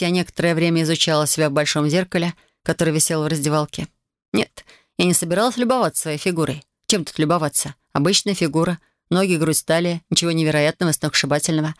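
A woman reading a first-person fantasy audiobook, expressive and flustered in the heroine's lines. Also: on the low side, dry recording, studio quality. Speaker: audiobook narrator.

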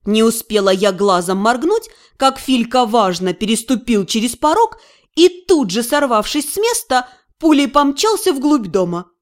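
Expressive woman narrating an audiobook. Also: fairly high pitch, moderate pace. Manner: expressive storytelling. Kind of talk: first-person scripted narration.

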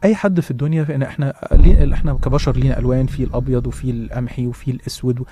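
A man with an Egyptian accent narrating a horror story in a hushed way, restarting his phrases. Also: mid-range voice, fairly even intonation, rapid-fire, over music. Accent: Egyptian Arabic.

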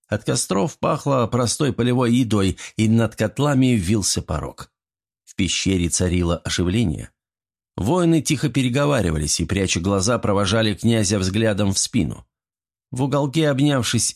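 A man reads a fantasy story aloud in an even, steady storytelling manner. His voice is low and husky, with a slightly rough grain. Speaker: audiobook narrator. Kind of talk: scripted fantasy audiobook narration.

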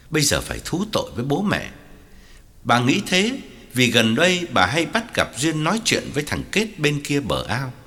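A man narrating an audiobook story with a lively, wide-ranging delivery. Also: medium pitch, long reverb tail. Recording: soft music underneath.

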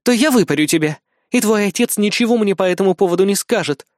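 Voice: mid-range voice, lively intonation, a little fast, no room sound, studio quality, voice pushed up, close to an everyday voice. A reader voicing a tough young female agent in an audiobook, curt and commanding, with a mocking edge. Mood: stern, sarcastic. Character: tough young woman agent, stern and sarcastic.

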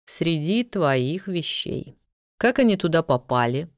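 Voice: mid-range voice, big pitch swings, takes it slowly, no room sound, studio quality. A reader voicing a stern, commanding baron. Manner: cold, commanding, interrogating.

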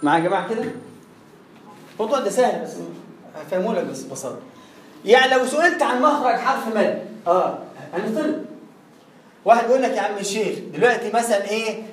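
A man's voice: high voice, lively intonation, fast talker, long pauses, slight background noise. Egyptian male tajweed teacher, casual and explanatory, heard from a distance in a roomy space. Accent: Egyptian Arabic. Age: adult with a young son. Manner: explains with examples, acts out questions and sounds. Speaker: Quran recitation teacher. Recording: echoey room, mic at a distance.

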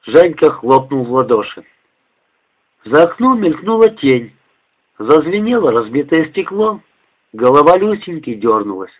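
A man reading a novel aloud as an audiobook narrator, in a measured, steady manner. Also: fairly high pitch, slightly rough. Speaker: audiobook reader. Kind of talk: scripted literary narration. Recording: dull homemade lo-fi audiobook recording.

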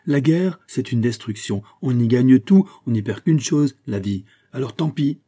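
A man reading aloud, voicing a boisterous, swaggering noble duke who swears hearty oaths and talks loudly. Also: mid-range voice, a little fast, slightly rough, pitched above the performer's own voice, close to an everyday voice. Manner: blustering, oath-swearing, loud and hearty.

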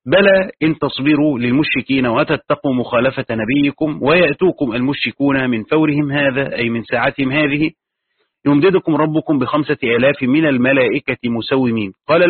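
Reading passages from a tafsir and following each with his own explanations, this man teaches Quran commentary. He speaks at a medium pitch with a slightly rough quality. The audio is dry of echo but tinny and lo-fi, like a phone.

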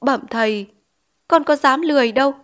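A woman's voice: high voice, moderate pace, fairly bright tone, pitched above the performer's own voice. A woman voicing a poor, timid schoolboy in an audiobook, answering meekly and politely. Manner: meek, polite address. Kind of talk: audiobook character reading.

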